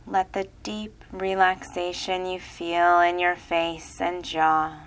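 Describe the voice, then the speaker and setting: A woman reading a guided relaxation hypnosis script in a slow, soothing, repetitive way. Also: lowish voice, a bit bright.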